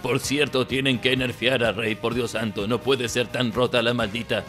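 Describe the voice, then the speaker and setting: A man's voice: medium pitch, steady tone, normal speed, a bit bright, natural voice. A man with a Latin American Spanish accent voicing a grumpy, sardonic old evil emperor in a comic parody review. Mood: exasperated. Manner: sardonic, exasperated, swearing. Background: background music.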